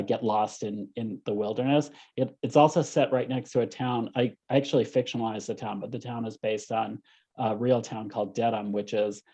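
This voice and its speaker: A man author in a panel talk, speaking hesitantly with many pauses and restarts. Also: mid-range voice, dark tone. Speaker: author guest. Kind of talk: panel discussion. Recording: muffled lo-fi audio.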